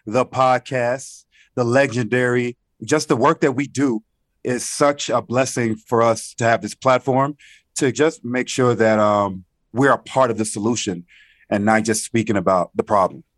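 A man hosting a podcast, energetic and casual as he opens the show. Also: medium pitch, no echo. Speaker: podcast host. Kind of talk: podcast intro and interview.

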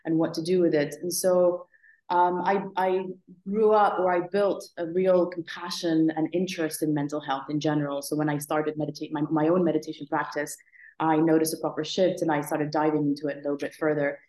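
A Moroccan woman in her thirties, an app founder, tells her story as a guest in a conversational interview, reflective and thoughtful, with many fillers and restarts. Her voice sits low and darkish, delivered flat and a little fast. The recording is reverberant and low quality.

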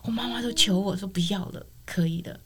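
In a brisk, mid-range voice, a middle-aged woman tells her own testimony as a guest. Her storytelling is expressive, and she acts out each piece of quoted dialogue.

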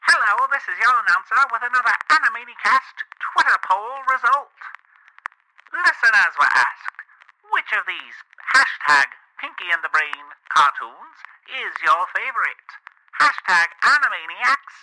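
A man voicing a cheery old-time radio announcer with a showy, drawn-out cadence. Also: sits high, very animated, sharp tone, heavily acted, low-quality recording. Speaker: podcast poll announcer.

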